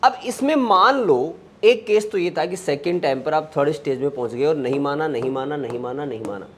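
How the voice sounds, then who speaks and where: A man's voice: fairly high pitch, lively intonation, a little fast. A man teaching a wellness class, talking straight to his listeners with questions and acting out little inner dialogues. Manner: acts out inner dialogues in quoted voices; addresses listeners directly with questions. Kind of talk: spoken lecture to a class.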